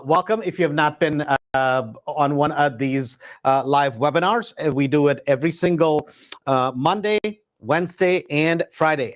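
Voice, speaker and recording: A middle-aged man who grew up in India, hosting a live real estate investing webinar in a stop-start way, with many "uh"s and emphatic repeated words. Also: on the high side. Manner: filler-heavy, stop-start delivery with many "uh"s.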